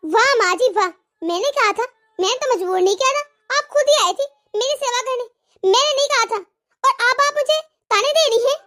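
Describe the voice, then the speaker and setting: A woman voicing a selfish young daughter-in-law in a cartoon, sharp and dismissive. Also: very high-pitched, moderate pace. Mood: defiant. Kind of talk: cartoon voice acting.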